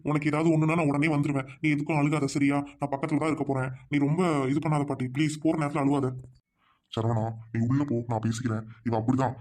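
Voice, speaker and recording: A man's voice: fairly high pitch, lightly acted. A man playing a young husband who firmly announces he is leaving the family home with his wife. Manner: firm and fast-talking.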